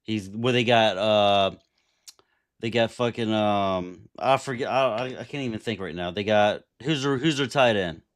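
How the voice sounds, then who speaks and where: A man's voice: fairly low pitch, moderate pace. A man co-hosting a casual sports podcast, blunt and teasing, swearing freely as he talks. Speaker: podcast co-host.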